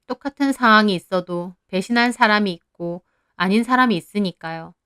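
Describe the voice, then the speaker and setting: A woman calmly narrating a dramatic first-person story about her marriage. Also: medium pitch, a little fast, smooth, no echo, clean studio sound.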